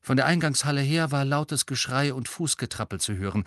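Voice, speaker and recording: Man, audiobook narration, steady, even, dry studio sound. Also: medium pitch, a little fast, dry recording. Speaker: audiobook reader. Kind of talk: scripted narration.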